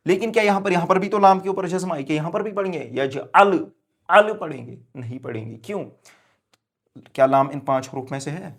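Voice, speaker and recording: Guy teaching a recitation class, asks then answers himself, slow letter drills, gets loud on the rules. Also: on the high side. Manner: switches between quiet explaining and loud emphatic stress. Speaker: tajweed teacher. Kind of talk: classroom-style lesson at a board.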